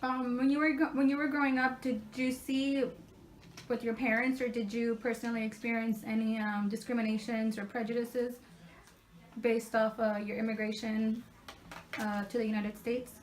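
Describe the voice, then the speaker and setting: A woman's voice: fairly high pitch, flat delivery, moderate pace, a little hiss or hum, low-quality recording. Hesitant woman asking interview questions. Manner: hesitant, many ums. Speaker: student interviewer.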